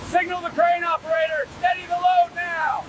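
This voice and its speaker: A man plays a watchful dock foreman in a scripted drama. His voice is high for a man and he speaks in short, urgent commands. The industrial recording is clearly noisy. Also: lively intonation, a little slow. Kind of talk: scripted work-site commands. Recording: noisy outdoor industrial audio.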